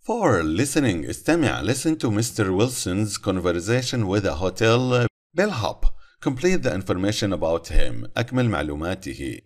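A man teaching English in a recorded lesson, reading English phrases slowly and then explaining them quickly in Arabic. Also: on the low side, sing-song.

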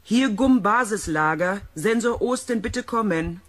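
An actor playing a calm, orderly base camp officer in a German radio play, with a husky voice. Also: male voice, on the high side, moderate pace. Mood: calling out.

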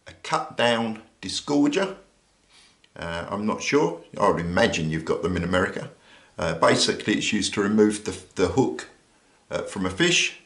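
With a lowish, reverberant voice, an older British man casually shows off a survival kit item by item, pausing often with "uh." He's at a table indoors, filmed from overhead so only his hands appear.

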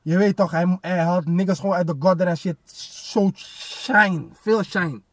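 A man's voice: high-pitched, steady tone, measured pace, no room sound. A young man chatting casually and telling personal stories in street slang mixed with English, with repeated filler phrases. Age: young adult. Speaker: rapper, guest. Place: inside a parked car.

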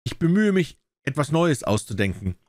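A man voicing a drunken, bewildered male court jester in an audiobook, speaking flat and expressionless. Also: on the high side, normal speed, no room sound, clean studio sound, pitched above the performer's own voice. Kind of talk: audiobook character voice.

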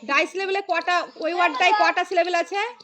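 A woman teaching a primary school class. She calls on pupils by name, repeats key phrases slowly and praises their answers. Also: very high-pitched, fairly even intonation, a loud crowd. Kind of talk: classroom lesson.

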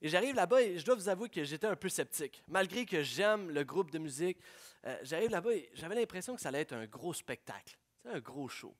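A man preaching a sermon, swinging from hushed prayerful lines to loud, excited storytelling. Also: fairly high pitch, fairly quick. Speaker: pastor.

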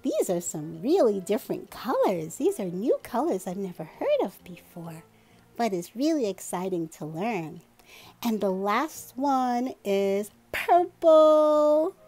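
Woman, toddler-show host. Very slow, high voice, gushing sing-song delivery. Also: gravelly. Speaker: children's video host. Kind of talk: toddler learning lesson with a puppet.

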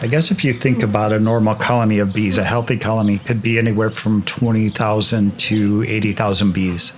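A man explaining swarming while working his beehives in a grassy yard, in a relaxed manner with frequent restarts. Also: lowish voice, fairly quick, a little hiss or hum. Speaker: beekeeper, channel host. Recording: outdoor recording with insect buzz behind.

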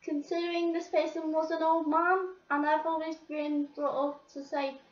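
A woman's voice: high voice, little pitch movement, normal speed, distant mic. A teenage girl, swearing and complaining as she rants to the camera. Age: teens. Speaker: vlogger. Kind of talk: ranting to camera. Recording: roomy, off-mic, dull lo-fi sound.

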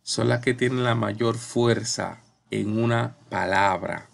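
A man's voice: medium pitch, steady tone, slow, creaky. A male teacher explaining a spelling lesson patiently, asking questions and repeating the main points. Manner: patient, repeats key points, asks questions and answers them. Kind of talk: slow classroom explanation.

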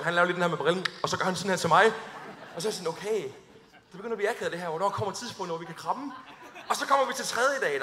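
A young man preaching to an audience in a big hall, his voice high and bright, with a long echo trailing after each phrase. He tells funny stories about himself and acts out his awkward moments before turning earnest. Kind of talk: sermon with humorous stories.

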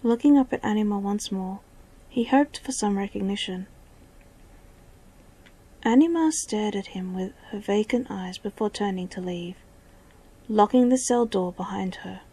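A woman narrating her own fantasy story in soft, often whispered storytelling. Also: mid-range voice, a little slow, pauses often, slightly rough, poor audio.

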